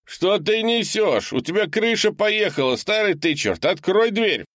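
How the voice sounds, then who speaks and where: Male narrator doing high-pitched, yelling, panicked freezing geologist, audiobook, dry close sound. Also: very animated, unhurried, dry recording, exaggerated voice. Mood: desperate shouting. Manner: shouting, pleading. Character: desperate freezing male geologist pounding on door.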